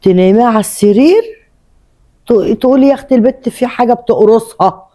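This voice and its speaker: A weary, resigned older mother, played by a woman in a family drama skit. Her voice is mellow and darkish, and she talks quickly with an Egyptian accent. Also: on the high side, close to an everyday voice. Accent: Egyptian Arabic. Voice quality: tired, resigned.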